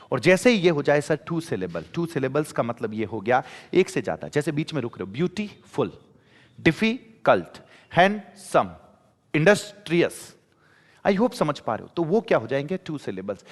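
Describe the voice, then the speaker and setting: A man with a Rajasthani accent teaching an exam-prep grammar class, who poses his students' questions aloud and answers them himself, repeating each point as a drill. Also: medium pitch. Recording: long hall reverb.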